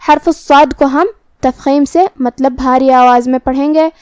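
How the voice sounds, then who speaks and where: Lady with a high voice walking through recitation rules one letter at a time, dry close sound. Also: steady tone, a little mellow, no room sound. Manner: methodical, explains each letter and rule in turn; slow, drawn-out recitation when demonstrating verses. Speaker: Quran recitation teacher. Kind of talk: step-by-step pronunciation lesson.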